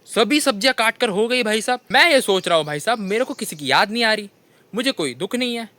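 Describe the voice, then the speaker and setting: A man's voice: high-pitched, no room sound. Young guy w hindi accent doing a comic rant, says bhai sahab nonstop, dry close sound. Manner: repeats "bhai sahab" constantly, animated storytelling. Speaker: comedian telling funny stories. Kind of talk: stand-up storytelling monologue.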